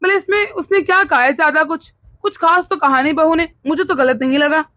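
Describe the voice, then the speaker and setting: A placid, easygoing cartoon father-in-law, played by a woman who dodges family fights with wry remarks. The voice is pitched high for a man, and the sound is close and dry. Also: fairly even intonation, fairly quick, bright, forceful tone, no room sound. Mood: placating. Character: easygoing middle-aged father-in-law, avoids taking sides. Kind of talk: animated cartoon dialogue.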